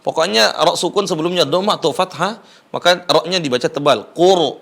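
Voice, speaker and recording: A man with an Indonesian accent, teaching Quran recitation slowly and patiently, repeating sounds for viewers to copy. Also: on the high side, vocal fry, bright, forceful tone. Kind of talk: Quran recitation lesson with chanted verses. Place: studio.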